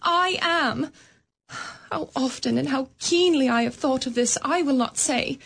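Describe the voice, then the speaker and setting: Belle, a woman playing a sorrowful young woman, high-voiced and earnest, radio play. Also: vocal fry, full character voice. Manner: gentle, earnest, measured. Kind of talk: radio drama acting.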